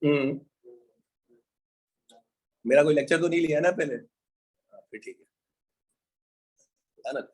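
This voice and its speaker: A man's voice: on the high side, slow pace, long pauses, darkish tone. A man lecturing an economics class in an informal way, teasing his students and calling them brother and son.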